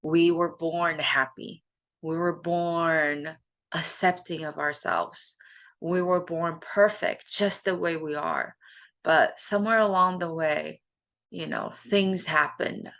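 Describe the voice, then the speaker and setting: Bright-voiced woman, earnest coach. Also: sits low, slow. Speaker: host, life coach. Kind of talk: motivational self-help talk.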